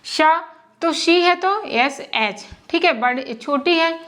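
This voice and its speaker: Female teacher, high and unhurried, patient, sounds out each syllable. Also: lively intonation, fairly bright tone. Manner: patient, repeats and checks with "ठीक है". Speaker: English spelling teacher. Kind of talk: slow spoken lesson.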